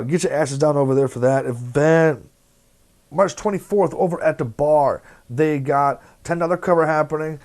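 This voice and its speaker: A man's voice: medium pitch, a little mellow. A man hosting a local entertainment news show, bluntly rattling off event listings with plenty of profanity.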